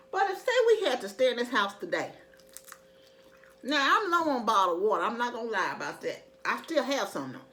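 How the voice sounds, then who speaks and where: Middle-aged woman chatting with lively, swinging pitch. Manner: conversational, chatty, emphatic when making a point. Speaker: mukbang vlogger. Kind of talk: casual rambling chat to viewers.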